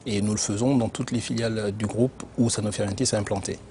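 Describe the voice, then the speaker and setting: Measured, low-voiced man explaining his job. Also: steady tone, mellow, slight background noise. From Benin. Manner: measured, explanatory, frequent hesitations. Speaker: internal auditor, interview guest. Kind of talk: corporate career interview.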